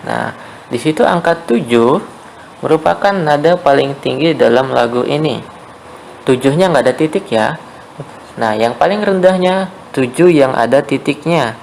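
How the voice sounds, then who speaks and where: Seorang guru pria memberi pelajaran musik daring untuk murid sekolah, dengan sabar mengulang poin penting dan sering bertanya "ya" atau "oke". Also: male voice, mid-range voice, expressive, normal speed, gravelly, pauses often, darkish tone, slight background noise, rough recording. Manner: patient, repeats key points, checks in with "ya" and "oke". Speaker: teacher. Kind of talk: online music lesson for schoolchildren.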